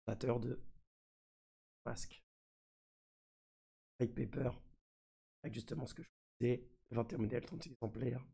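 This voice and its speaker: A man with a husky, gravelly voice, sick, giving casual live commentary as a mischievous streamer. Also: medium pitch, level tone, moderate pace, pauses often, warm tone. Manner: mischievous, trolling his community. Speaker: streamer presenting a crypto NFT project.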